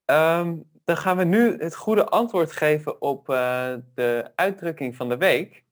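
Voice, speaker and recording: Slow-talking male co-host. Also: on the high side. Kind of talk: casual chat.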